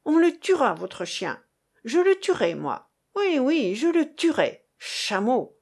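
A woman's voice: fairly high pitch, animated, very slow, fairly bright tone, full character voice. A woman reader voicing a stout older village woman who shrieks insults and sobs her words out in broken pieces. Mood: threatening. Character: stout older woman, furious and tearful breeder.

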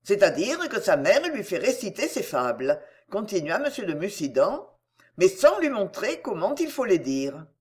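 A woman's voice: mid-range voice, sing-song, normal speed, a little mellow, natural voice. A woman voicing a curt, reserved count who is a girl's father.

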